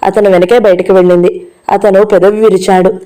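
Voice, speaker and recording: A woman's voice: medium pitch, level tone, brisk, dark tone, low-quality recording. A woman narrating a novel as an audiobook, reading all the dialogue in her own voice. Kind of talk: reading a novel aloud, voicing all characters.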